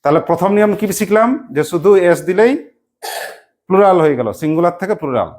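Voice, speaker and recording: A woman teaching an English grammar lesson to a class, asking quick questions and spelling words out letter by letter. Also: fairly low pitch, lively intonation, darkish tone.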